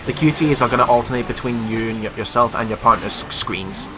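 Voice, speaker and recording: A man's voice: medium pitch, fast talker, background noise. A man casually commentating a co-op game, joking and explaining tricks to viewers. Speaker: co-host of a gaming channel. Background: game music.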